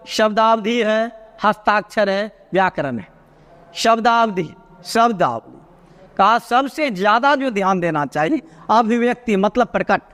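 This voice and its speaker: High-voiced male teacher in echoey classroom. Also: a bit bright. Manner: explains Sanskrit lines in Hindi, repeats key terms. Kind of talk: exam prep lecture. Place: coaching classroom.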